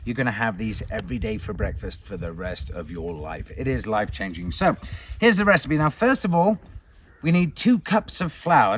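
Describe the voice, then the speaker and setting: A man hosting a cooking demonstration, talking in a showy way and swinging between loud announcements and hushed asides. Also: fairly high pitch, no room sound. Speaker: cooking show host.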